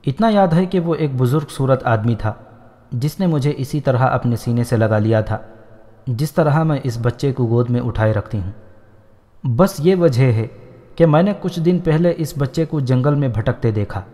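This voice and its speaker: A man's voice: medium pitch, warm tone, close to an everyday voice. A man reading the lines of an innocent, playful young woman in a storybook, in a simple, artless manner. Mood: recalling. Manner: simple, artless speech with quick wit. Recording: long hall reverb.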